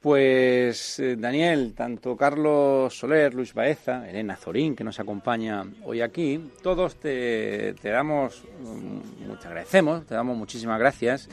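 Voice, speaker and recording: Gravelly-voiced male radio host. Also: mid-range voice, a little slow, few pauses, no echo. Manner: formal, courteous. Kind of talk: radio interview.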